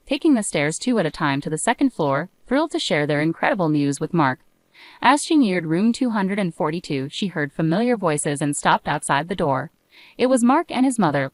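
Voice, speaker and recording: A woman narrating a drama story in a scripted, expressive storytelling voice. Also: on the low side, no echo, low-quality recording.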